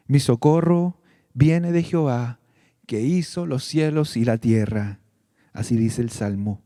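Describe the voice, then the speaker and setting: A man's voice: high voice, mellow, no echo, studio quality. A male pastor giving a sermon, speaking earnestly and directly to his congregation. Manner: slow, earnest preaching addressing the congregation directly.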